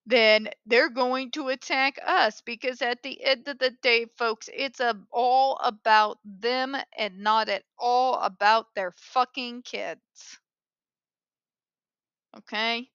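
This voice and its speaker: A woman's voice: fairly high pitch, fairly even intonation, slow, a bit bright, smooth, no room sound, highs cut off. A woman hosting an opinionated commentary show in a polished call-center phone voice, speaking in a blunt, sarcastic, emphatic way. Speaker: host of an advocacy commentary show.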